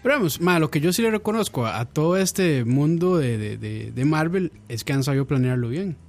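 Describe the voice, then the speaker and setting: A man's voice: on the high side, expressive, brisk, soft background music. A man, co-hosting a podcast and rambling through easygoing opinions. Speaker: podcast co-host. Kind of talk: casual chat.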